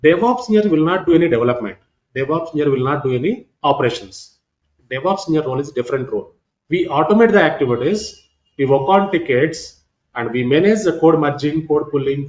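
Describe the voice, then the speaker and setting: A middle-aged man, a native Telugu speaker with a Telugu Indian accent, giving a live class as a technical instructor and often checking in with "right?" and "okay". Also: fairly high pitch. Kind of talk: live demo class lecture. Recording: echoey room, dull lo-fi audio.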